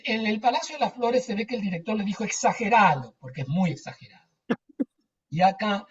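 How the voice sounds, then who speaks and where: A man's voice: high-pitched, husky, far from the mic, muffled recording. A man, chatting casually with a group, rambling and searching for words. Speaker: lecturer.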